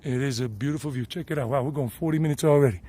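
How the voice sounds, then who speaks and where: Talking very fast in a mellow, medium-pitched voice, this American vlogger and tour guide rambles chattily into his handheld camera, often restarting. He's outdoors on a hilltop trail, filming a casual hiking vlog.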